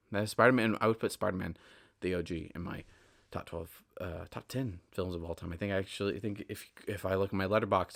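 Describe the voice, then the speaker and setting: A man in his twenties with a fairly low pitch hosts a laid-back solo podcast. He rambles and stumbles over repeated words, swinging from loud bursts to quiet asides.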